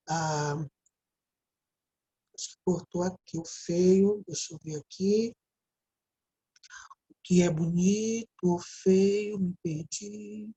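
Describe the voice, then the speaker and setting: A woman teacher with a Brazilian Portuguese accent and a dark, medium-pitched voice gives a recorded video lecture over poor audio. She explains step by step, often checking in with a tag question.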